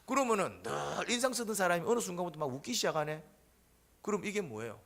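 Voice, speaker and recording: A man preaching a sermon, putting questions to the congregation and answering them himself, swinging between loud and soft. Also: high-pitched, big pitch swings, fast talker, vocal fry. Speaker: pastor.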